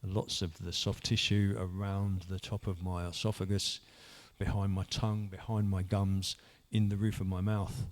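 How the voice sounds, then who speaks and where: His voice sits low, with a level tone, a moderate pace and few pauses. He is a church member in his 50s sharing a personal testimony, earnestly recounting his story in a rambling way full of restarts.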